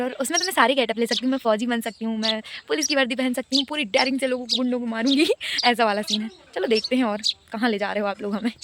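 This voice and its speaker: A woman's voice: on the high side, noisy background. A young woman who is unwell, chatting playfully in a casual home vlog, laughing often. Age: young adult. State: unwell with a fever. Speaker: vlogger. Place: family home, indoors and outdoors.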